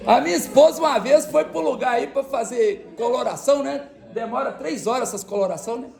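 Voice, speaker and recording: A man's voice: very high-pitched, fairly quick, gravelly, darkish tone, some chatter behind. A male pastor, preaching a sermon in a joking, chatty way and teasing the congregation. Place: church service.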